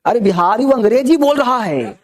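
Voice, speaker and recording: A male teacher explains grammar to a class, often asking quick check questions and mixing in English examples. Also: very high voice, sing-song. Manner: asks frequent check questions.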